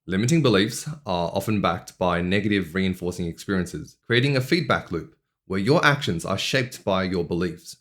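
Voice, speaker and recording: A young Australian man whose first language isn't English vlogs an earnest, reflective personal monologue. His low voice is animated with a fairly bright tone, yet his storytelling stays measured, with deliberate pauses.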